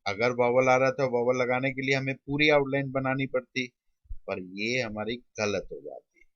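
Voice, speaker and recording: A man, teaching a shorthand lesson. He drags out sounds slowly and mixes English terms into his teaching. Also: medium pitch, fairly bright tone, no echo, lo-fi sound. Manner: slow, stretched-out sounding of words, mixing English terms. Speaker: shorthand tutor. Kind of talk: classroom lesson.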